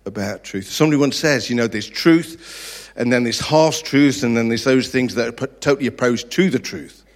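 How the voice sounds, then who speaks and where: A man, preaching a sermon earnestly, stretching out the key words. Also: mid-range voice. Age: 30s. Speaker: pastor.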